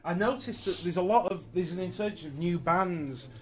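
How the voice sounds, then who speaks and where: A man's voice: high-pitched, moderate pace. A young adult man interviewing, asking rambling questions full of fillers. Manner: hesitant, filler-heavy questions.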